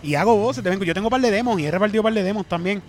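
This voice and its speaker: A man with a Puerto Rican accent hosting a casual chat, excitable and joking, swearing freely. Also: high-pitched, racing. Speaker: host.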